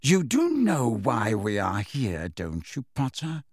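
A man voicing a cold, sneering middle-aged male potions master who talks in a slow, low, menacing drawl. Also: wildly swooping pitch, darkish tone, no room sound, clean studio sound, exaggerated voice. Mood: sneering menace.

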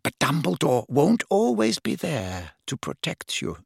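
A man reading an audiobook, voicing a cold, haughty aristocratic mother in a low, quiet, icy drawl. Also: huge pitch swings, unhurried, vocal fry, slightly rough, no room sound, clean studio sound, exaggerated voice. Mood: cold menace.

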